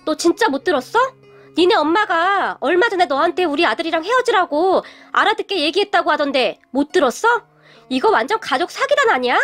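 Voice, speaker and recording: Woman voicing a haughty rich middle-aged mother, sneering, shrill, high voice, faint music. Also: expressive, brisk, fairly bright tone. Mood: scornful.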